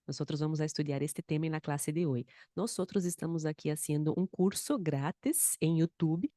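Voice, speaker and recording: A woman's voice: sits low, moderate pace, mellow, dry recording, clean studio sound. A woman with a Brazilian accent teaching Portuguese in an online lesson, patiently repeating words and mixing in Spanish. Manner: mixes Spanish and Portuguese mid-sentence. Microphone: screen-shared recording, close mic.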